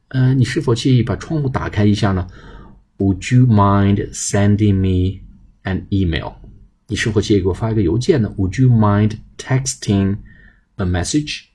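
A man with a Chinese accent teaching an English lesson, mixing Mandarin explanations with slow, spelled-out English example phrases. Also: on the low side, mellow, slightly rough.

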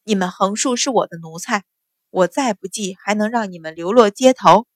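Stern noble mistress, read by a woman, sharp, commanding, dry close recording. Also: mid-range voice, normal speed, no echo, lightly acted. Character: stern noble mistress of the house, short-tempered.

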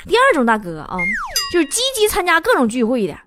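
A woman's voice: high voice, wildly swooping pitch, fast, over music. A woman with a Northeastern Mandarin accent giving a playful comic monologue as host, laughing often. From Northeast China. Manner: playful storytelling, frequent laughter. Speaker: comedy show host.

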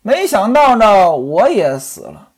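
A frail, kindly young wife on her deathbed, put on by a male storyteller, her voice lifted high and wandering up and down. She speaks softly with drawn-out particles, husky around the edges. A traditional storytelling performance. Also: sing-song, exaggerated voice. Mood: tender, resigned. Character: dying gentle young wife, kind to her servants.

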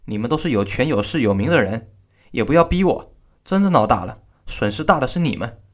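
A wronged schoolteacher wife stands her ground in a told story, voiced by a male narrator. Her speech is firm, with a lively rise and fall. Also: mid-range voice, brisk, lightly acted. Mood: defiant. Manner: defiant, firm delivery.

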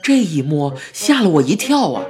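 A storyteller with a Beijing-flavored accent narrating a children's audiobook in a lively, expressive first-person telling. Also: medium pitch, moderate pace, faint music behind. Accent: Beijing-flavored Mandarin.

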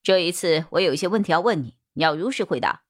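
A stern male police detective, voiced by a woman fires off firm, brisk questions in a lowish voice. He sounds in control and all business, the calm interrogator of a spoken crime story. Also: natural voice.

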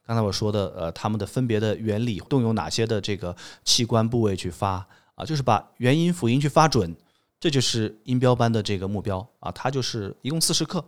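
A man's voice: on the low side, expressive, fairly quick. A man who teaches English pronunciation, a guest on an interview podcast, explaining his courses patiently and methodically.

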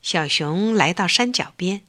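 A woman telling a children's story slowly and gently, with a bright, clear voice. Her delivery is expressive and full of lilt. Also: fairly low pitch.

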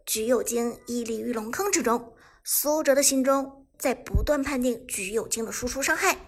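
A woman narrating a web novel audiobook with brisk, dramatic action telling. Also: fairly high pitch.

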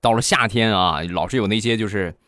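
A young man running a comedy program tells brisk, lively anecdotes, voicing each person in them himself. His voice is lowish. The recording is dry with clean studio sound.

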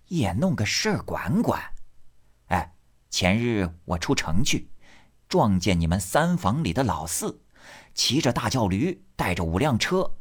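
A penny-pinching middle-aged uncle scolds and lectures, voiced by a man. His voice sits low with a lively swing. He sounds preachy and self-righteous. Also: slightly rough, full character voice.

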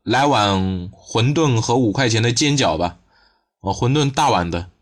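A man voicing a blunt middle-aged laborer who speaks in short, low warnings in an audiobook. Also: expressive, unhurried. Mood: gruff. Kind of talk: audiobook character voice.

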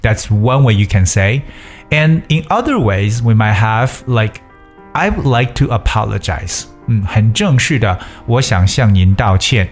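A man with a fairly low, expressive voice gives a bilingual English lesson, patiently explaining English phrases. He says each one slowly and repeats it so learners can practice, with faint guitar music in the background.

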